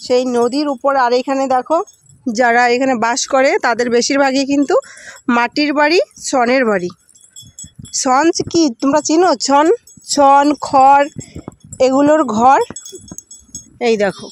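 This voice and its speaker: A young woman vlogger chatting to her viewers as she walks outdoors along a muddy riverbank. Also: sits high. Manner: chatty, talks straight to viewers while walking. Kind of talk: casual travel vlog.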